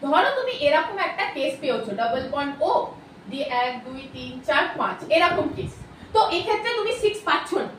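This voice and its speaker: A high-pitched woman with a Bengali accent explains chemistry step by step, firing off questions and answering them herself. Her voice comes from a little away from the mic in an echoey room, with a faint hiss of ambience behind her. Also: big pitch swings, fairly quick, fairly bright tone, recorded from a distance. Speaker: chemistry teacher. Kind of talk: video lecture.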